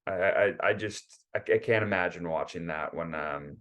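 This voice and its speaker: A man's voice: low-pitched, normal speed, a bit bright. A man co-hosting a casual sports podcast, rambling with stammered restarts and lots of fillers. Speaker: podcast co-host.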